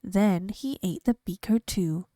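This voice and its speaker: A woman reading a children's picture book aloud in a slow, clear storytelling manner. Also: medium pitch, dark tone, dry recording. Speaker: reader.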